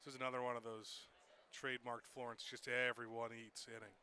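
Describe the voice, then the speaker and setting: Bright-voiced baseball color commentator. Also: male voice, medium pitch, level tone, fairly quick, clean tone. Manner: chatty, analytical, laughs easily.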